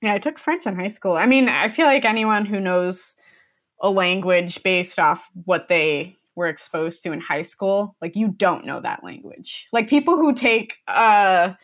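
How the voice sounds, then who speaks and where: A woman's voice: medium pitch, lively intonation, unhurried, lo-fi sound. Rambling, laughing young American woman. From United States. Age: young adult. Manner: rambling, frequent fillers and laughter. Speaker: guest. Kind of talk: casual podcast chat.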